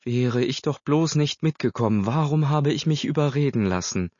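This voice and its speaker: A man voicing a sharp-tongued teenage girl. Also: mid-range voice, moderate pace, no echo, voice pushed up, close to an everyday voice. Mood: anxious. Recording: slightly dull dry recording.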